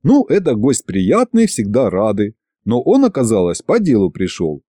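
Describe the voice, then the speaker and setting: A male narrator telling a story in the first person, with a mellow, warm voice and a lively rise and fall. The recording is dry and close. He talks to the listener conversationally. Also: lowish voice, normal speed, no echo. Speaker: audiobook narrator.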